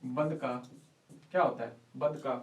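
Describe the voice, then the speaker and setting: Giving an online chemistry lecture, a man coaxes and teases his students, addressing them as "beta ji" and mixing rhetorical questions with folksy sayings. He speaks at a measured pace in a steady, darkish mid-range voice, and the audio is dull, echoey, and distantly miked.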